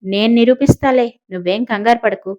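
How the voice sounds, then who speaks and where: A woman voicing a calm young married woman who needles her rival with sarcasm, in an audiobook. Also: on the high side, fairly quick, highs cut off, lightly acted. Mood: mocking.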